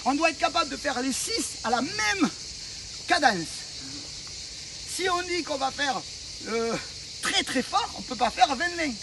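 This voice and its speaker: A man's voice: very high-pitched, animated, a little slow, vocal fry, long pauses, far from the mic, background noise. A man coaching trainees, explaining energy systems and checking that they follow. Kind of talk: explaining sports physiology to trainees.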